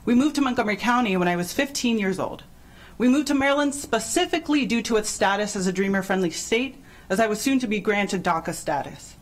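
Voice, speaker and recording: A young woman from El Salvador reads prepared testimony in a composed, steady way into a desk microphone in a large council chamber. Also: medium pitch, fairly quick, rough recording. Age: young adult. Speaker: public hearing speaker, college graduate. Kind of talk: prepared public testimony read aloud. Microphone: desk microphone on a stand.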